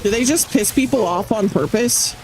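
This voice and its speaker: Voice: medium pitch, normal speed, soft background music. A streamer chatting casually while gaming, talkative and incredulous, often laughing. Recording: steady background noise.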